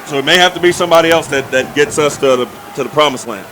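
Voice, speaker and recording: A man's voice: on the high side, fast talker, sharp tone, slight background noise, rough recording. Folksy male football colour commentator. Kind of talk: live football analysis.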